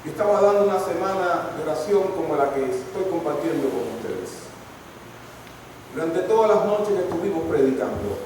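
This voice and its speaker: Pastor man preaching, high voice, repeats lines for emphasis, big echoey church hall far from mic. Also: darkish tone, a little hiss or hum. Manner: storytelling preacher, emphatic repetition. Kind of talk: sermon.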